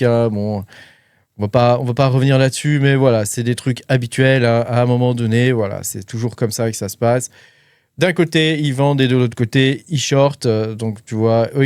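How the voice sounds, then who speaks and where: A man's voice: medium pitch, a little mellow, no echo, studio quality. A man hosting a crypto and mining channel, talking casually and informally with lots of fillers and asides. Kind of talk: casual commentary to camera.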